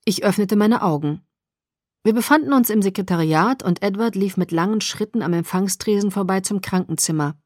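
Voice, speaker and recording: A woman reads a first-person audiobook in an expressive, lively manner. Her pitch sits in a middle range for a woman. The recording is close and dry, with almost no room sound. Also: a little fast, dry recording. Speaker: audiobook narrator.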